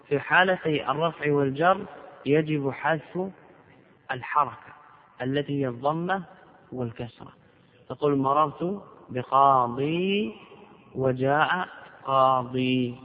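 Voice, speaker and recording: A man teaching a grammar class as a sheikh, speaking deliberately and asking questions that he then answers himself. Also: medium pitch. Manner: deliberate, poses and answers his own questions. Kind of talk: classroom lecture. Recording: lo-fi recording with long hall reverb.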